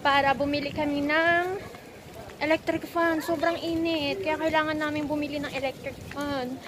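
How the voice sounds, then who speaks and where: Filipina woman from the philippines vlogging on her phone, high voice, chatty and laughy, loud street noise behind. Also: level tone, normal speed. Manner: chatty, switching between Tagalog and English, laughs often. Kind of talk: casual vlog chat. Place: outdoors at a fairground and market.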